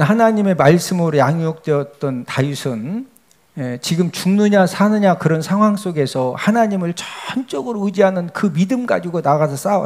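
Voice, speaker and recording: A male pastor preaches a sermon in a fairly high-pitched voice with a darkish tone. He often poses questions to the congregation, answers them himself, and keeps checking in emphatically with his listeners.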